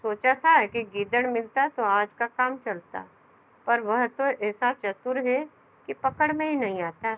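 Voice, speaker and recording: A woman's voice: a little high, unhurried. A woman teacher explaining a children's story, retelling each line again in simpler words. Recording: dull lo-fi sound.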